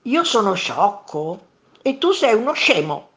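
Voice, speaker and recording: Reading a children's story aloud, a woman voices a quarrelsome, hot-tempered monster who shouts insults angrily. Her raised, lively voice is medium in pitch and moves slowly.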